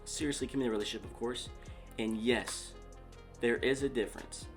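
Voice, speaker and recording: A man's voice: mid-range voice, fairly even intonation, brisk, soft background music, natural voice. A man playing a boastful self-proclaimed relationship doctor in a comedy sketch, rambling and repeating himself. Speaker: comedic YouTube host in character.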